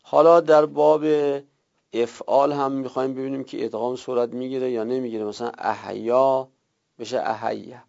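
Guy lecturing a class, bit of vocal fry, keeps repeating and rephrasing stuff, muffled recording. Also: medium pitch, fairly even intonation, a little mellow. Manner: explanatory, repeats and rephrases rules for students. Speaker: teacher. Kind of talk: lecture on Arabic verb morphology.

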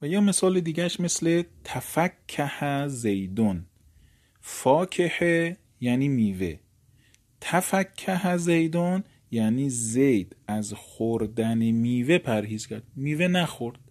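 Dark-voiced man teaching Arabic grammar. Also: mid-range voice, lively intonation. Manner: explanatory, repeats words and examples. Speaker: seminary teacher.

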